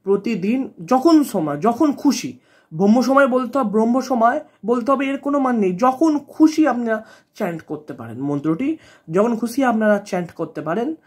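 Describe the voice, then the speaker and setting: High-voiced earnest man giving devotional advice. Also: lively intonation, normal speed, slightly rough. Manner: earnest, repetitive, reassuring, restarts phrases. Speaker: spiritual channel host.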